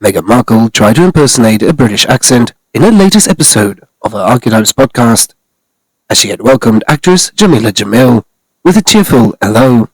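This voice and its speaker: Husky-voiced man reading a news script. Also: medium pitch, very animated, a little fast, no echo, poor audio. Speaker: commentary channel narrator. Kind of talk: scripted narration read from articles.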